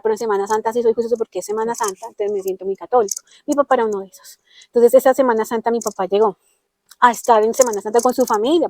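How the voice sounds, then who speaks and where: A woman's voice: a little high, darkish tone, dry recording. A woman with a Colombian accent giving an earnest personal testimony, often acting out the dialogue she quotes. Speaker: interviewee telling her testimony.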